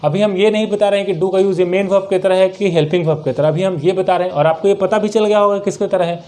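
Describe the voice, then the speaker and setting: A man teaching an English grammar lesson, who asks the class questions and then answers them himself, and reads his example sentences out slowly. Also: high voice, fairly even intonation, darkish tone. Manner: slow, drawn-out reading of example sentences. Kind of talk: grammar lesson explained in Hindi.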